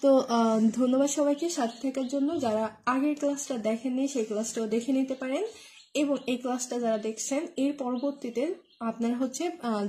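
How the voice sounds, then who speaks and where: Husky, high-voiced woman tutor. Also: dark tone. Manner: spells words out letter by letter with many fillers; explains with memory tricks, asks "right?". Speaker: tutor for exam spelling. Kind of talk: online spelling lesson.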